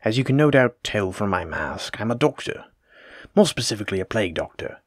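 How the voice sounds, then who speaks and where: Brisk and very animated, a man's lowish voice portrays a plague doctor talking straight to the listener in an audio roleplay, recorded close and dry with no room sound. He is formal, courteous but insistent, slightly pompous, and evasive, favoring fussy old-fashioned vocabulary.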